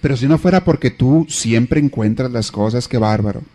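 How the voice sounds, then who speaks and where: A man voicing an adult wife, urging her husband to ask for directions, in a raised higher voice. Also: moderate pace, dark tone, lightly acted. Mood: flattering. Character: nagging wife giving directions, adult woman.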